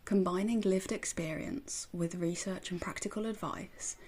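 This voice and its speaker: A woman chatting excitedly about books as she unboxes them, her voice recorded on a phone voice recorder app. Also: on the low side, unhurried. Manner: excitable, gushing. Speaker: book vlogger. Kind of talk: casual unboxing chat. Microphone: phone voice recorder used as microphone.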